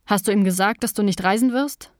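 A woman's voice: mid-range voice, brisk, no echo, natural voice. Grumbling, jealous young workshop apprentice, read by a woman, scornful, dry close sound.

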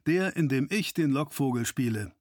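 A male narrator voicing a composed nobleman lawman who speaks with calm, dry understatement. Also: mid-range voice, normal speed, dry recording, natural voice.

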